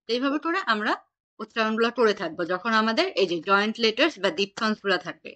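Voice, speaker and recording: A woman's voice: fairly high pitch, expressive, fast, sharp tone. A woman teaching an online German class, patiently quizzing her students on pronunciation over a video call.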